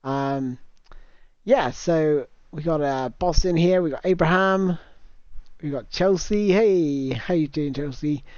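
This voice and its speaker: A man's voice: on the high side, slow pace, a little mellow, no room sound. A man hosting a casual game livestream, chatting and reading out viewer comments on a new microphone. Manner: chatty, reads out viewer comments, laughs easily. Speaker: livestream host. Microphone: new cheap microphone. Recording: dull, dry lo-fi mic.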